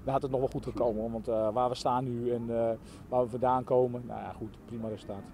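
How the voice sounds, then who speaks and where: A man from the Netherlands, a football coach answering questions after a match, speaking haltingly with many fillers and restarts. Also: medium pitch, level tone, dark tone, a little hiss or hum. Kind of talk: post-match interview.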